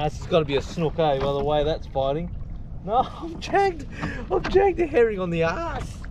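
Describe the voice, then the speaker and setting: Out on an open bay in his kayak, an excitable Australian man who vlogs about fishing chats away to viewers, laughing often, in a casual running commentary. His voice is very high. An action camera on the kayak captures him along with the wind and water noise.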